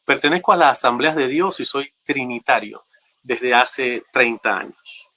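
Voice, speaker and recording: A man's voice: mid-range voice, unhurried, pushed and bright. A man from Panama, a pastor, speaking courteously and formally in a debate, emphatic as he poses his question.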